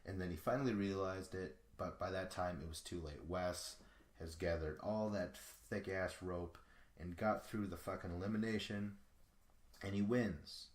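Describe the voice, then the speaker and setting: A man with a deep, low voice talks loosely and profanely, rambling and chuckling as he hosts a solo podcast recap. The sound is roomy, with his voice echoing off the walls. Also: normal speed. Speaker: podcast host. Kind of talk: casual solo recap of a reality show. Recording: echoey room.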